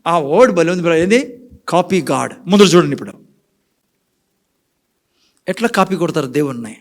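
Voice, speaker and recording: A man preaching a sermon in church with a Rayalaseema Telugu accent, asking the congregation questions and switching between quiet and loud passages, dropping in English phrases. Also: on the high side, expressive, normal speed. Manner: mixes in English words and phrases. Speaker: pastor.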